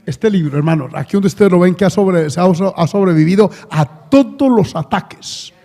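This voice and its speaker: Man, Colombian accent, pastor, sermon, high voice, conversational, long hall echo. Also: animated, moderate pace, creaky, mellow. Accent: Colombian Spanish. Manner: conversational preaching with asides and questions to the congregation. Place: church hall. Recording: long church hall reverb.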